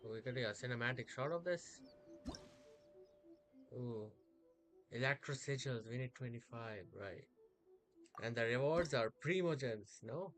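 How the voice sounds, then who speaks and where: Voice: mid-range voice, expressive, measured pace, pauses often, faint music behind. Playful streamer chatting over gameplay. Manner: playful, chatty, talks to the game. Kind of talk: casual gameplay commentary.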